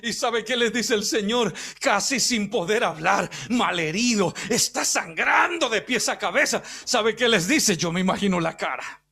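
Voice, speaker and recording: High-pitched fervent male preacher. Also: animated, normal speed, creaky, breathy edge. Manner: fervent, swings between shouting and hushed storytelling. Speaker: pastor. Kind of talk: preaching a sermon.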